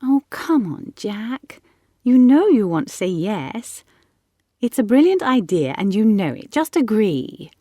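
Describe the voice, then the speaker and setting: A woman voicing a lively, eager young girl from the gentry who chatters and coaxes. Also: medium pitch, unhurried, no room sound, clean studio sound. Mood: excited. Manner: excited, chattering, coaxing.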